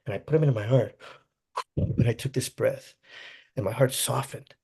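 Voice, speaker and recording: Husky guy telling his life story, goes quiet then gets all fired up. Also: mid-range voice, moderate pace. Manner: emotional, swings from hushed to excited. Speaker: motivational speaker. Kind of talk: personal story told to an audience.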